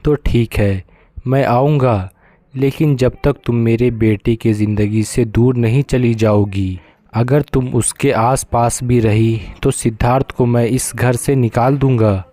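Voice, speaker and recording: Cold, commanding rich father in a storybook, read by a man with a dark, dry voice. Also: mid-range voice, fairly even intonation, unhurried, no echo, close to an everyday voice. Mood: stern. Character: stern wealthy middle-aged father, proud of status.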